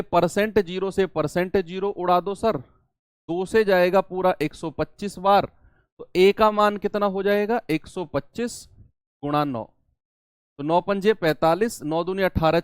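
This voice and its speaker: A man's voice: high-pitched, unhurried, smooth, dry recording, clean studio sound. A man teaching a math lesson, explaining problems step by step and asking his students questions as he goes.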